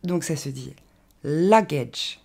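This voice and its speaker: A woman with a low, slightly gravelly voice leads an English pronunciation lesson in French. Her intonation rises and falls a lot as she explains. She slows right down to demonstrate each word with care. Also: expressive, darkish tone. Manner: clear, patient instruction with slow, careful demonstration of English words.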